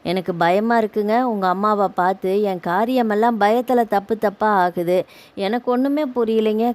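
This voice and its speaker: A woman's voice: on the high side, a little mellow, close to an everyday voice. A woman voicing a timid, frightened young wife who speaks meekly and pleads. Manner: meek, pleading, tearful.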